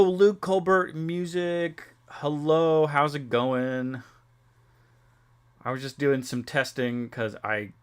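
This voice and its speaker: A young man chatting loosely on a livestream, reading viewer comments and answering them as he goes. His talk rambles, full of "like" and restarts, at an easy middle pitch. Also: a bit bright. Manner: rambling, filler-heavy, reads chat aloud. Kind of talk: casual chat with stream chat.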